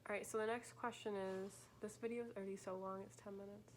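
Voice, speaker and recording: A woman's voice: mid-range voice, flat delivery, fast talker, slight background noise. A young woman hosting a vlog, chatting casually with many "like"s and "um"s. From Michigan. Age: young adult. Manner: chatty, filler-heavy, laughing. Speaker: vlog host. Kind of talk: casual chat on camera.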